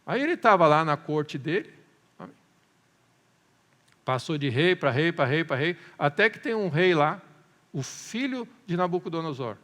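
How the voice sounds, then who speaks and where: Man, preaching, lively storytelling, slightly high voice, church hall echo. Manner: animated storytelling, asks "amém?" often. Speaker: pastor. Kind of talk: sermon. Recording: long reverb of a church hall.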